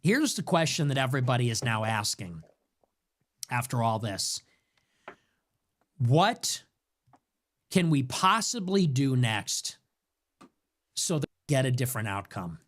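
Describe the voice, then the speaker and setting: A young adult man hosting his own show, delivering an impassioned rant packed with rapid rhetorical questions and repetition. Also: mid-range voice, very animated. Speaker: show host. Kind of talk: impassioned ranting monologue. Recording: noisy background.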